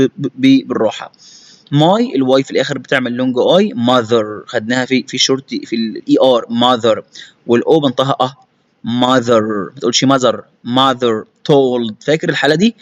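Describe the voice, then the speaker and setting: A male teacher with an Egyptian Arabic accent who stretches out English practice sentences and rattles off his explanations in between. His mid-pitched voice sounds dry and close, and the recording is slightly muffled and lo-fi. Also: no echo. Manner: repeats drills slowly, then explains quickly. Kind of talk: recorded phonics lesson.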